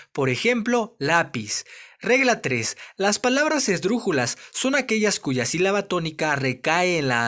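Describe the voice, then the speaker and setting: A male primary school teacher, explaining a recorded lesson summary clearly and stressing key words. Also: on the high side, fairly bright tone.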